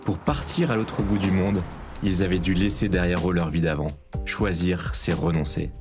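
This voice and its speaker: A man reading a calm documentary voice-over narration. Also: sits low, normal speed, over music.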